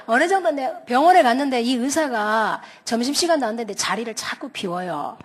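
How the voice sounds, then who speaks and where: Lively high-voiced woman preaching. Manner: dramatic storyteller, shouts out quoted lines; lively, quick-tempered delivery. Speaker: pastor's wife preaching. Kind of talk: animated sermon with acted stories.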